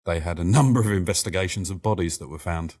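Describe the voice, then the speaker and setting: Deep-voiced, teasing man. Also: fast, a little mellow. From London. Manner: blunt, teasing, sweary. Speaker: podcast co-host. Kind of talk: casual podcast chat. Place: podcast studio table.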